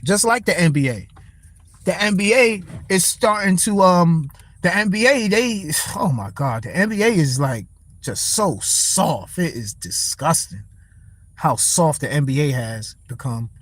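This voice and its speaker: Man, young, high-pitched, dry close sound, blunt profane livestream rant. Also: lively intonation, a little slow, fairly bright tone, no echo. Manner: profane, blunt, rants and answers chat. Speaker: livestream host. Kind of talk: casual boxing talk livestream.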